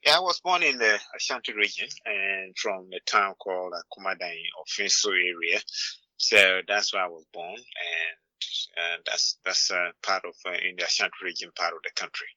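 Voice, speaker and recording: A middle-aged man from Ghana answering questions in a measured, thoughtful way. His voice is very deep but bright and forceful, and the recording sounds dull and lo-fi. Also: dry recording. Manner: measured, repeats words while searching. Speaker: interview guest. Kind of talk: conversational interview answers.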